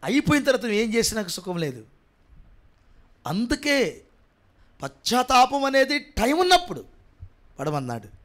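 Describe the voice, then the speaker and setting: A male pastor with a coastal Andhra Telugu accent delivers a sermon in a very high, piercing voice. He drops to hushed pleading, then rises to loud shouts, and keeps putting questions to his listeners. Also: huge pitch swings, normal speed, pauses often. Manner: swings between quiet pleading and loud shouting; repetitive, rhetorical questions to the congregation.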